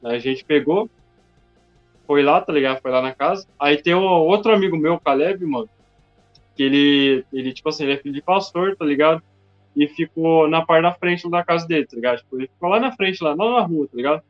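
A man from Brazil tells a story fast, his voice sitting a little high and stuffed with slang fillers. The sound is dull and lo-fi, with faint music under it. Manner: slangy, peppers speech with "mano" and "tá ligado". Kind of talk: casual chat.

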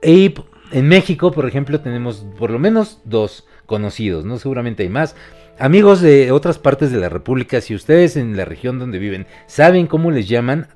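A man with a Mexican Spanish accent co-hosts a relaxed podcast chat. He explains at length in a loose, easygoing way, with a curse word now and then. Faint music plays underneath. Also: mid-range voice, moderate pace. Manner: explanatory, loose, mild swearing. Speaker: co-host.

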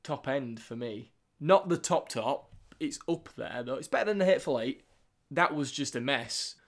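Male podcast host, Northern English accent, mid-pitched voice, informal and jokey casual chat. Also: lively intonation, normal speed. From England.

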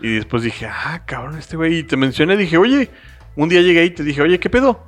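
A man's voice: fairly high pitch, fairly quick, soft background music. A young man with a Mexican Spanish accent, telling stories in casual chat, slangy and joking. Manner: slangy, joking, animated storytelling. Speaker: podcast co-host.

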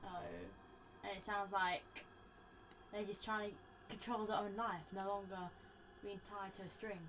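A woman's voice: mid-range voice, little pitch movement, measured pace, a bit bright. A woman guest in casual conversation, talking informally and a bit hesitantly. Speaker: podcast guest. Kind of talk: casual chat. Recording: clearly noisy background.

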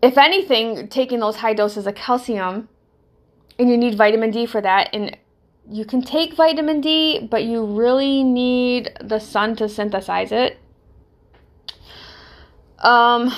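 A woman's voice: on the high side, vocal fry. A middle-aged woman with a Southern US accent hosting a casual solo fitness podcast, rambling and thinking aloud with fillers. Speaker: podcast host, fitness coach.

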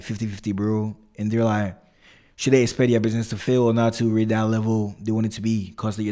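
Young dude talking like a frat bro, low flat voice, loose rambly slangy chat. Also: male voice. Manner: frat-bro slangy talk, constantly saying "bro"; rambling, repetitive, loose phrasing. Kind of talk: casual conversation.

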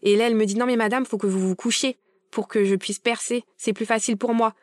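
On a podcast, a young woman shares the story of giving birth in a relaxed way, voicing each line of dialogue with feeling and plenty of animation. Her voice sits fairly high and moves quickly. The studio sound is clean, with no room sound.

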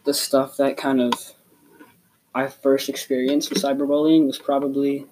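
Teen male podcast co-host, mid-pitched, casual filler-heavy talk, faint hiss. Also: level tone, moderate pace, darkish tone, rough recording. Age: teens.

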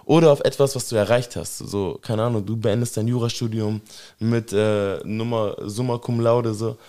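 A man's voice: lowish voice, steady tone, moderate pace, warm tone, clear, resonant tone. A young man hosting a podcast in casual opinion chat, peppering his talk with slang fillers. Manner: slangy, fills with "weißt du" and "Digga". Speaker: podcast host.

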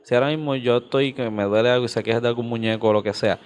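A man's voice: mid-range voice, fairly even intonation, very fast, clear, resonant tone. A man interviewing a guest, asking curious follow-up questions with casual fillers.

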